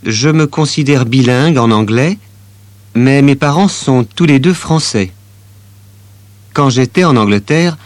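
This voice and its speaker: A calm teenage boy tells his story in a slow, plain way, read by a man. The voice sits in a middle range and comes across dry and close. It sounds like a scripted language-course recording. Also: mid-range voice, no echo, close to an everyday voice. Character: young French teenage boy telling about languages. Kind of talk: scripted listening-exercise reading.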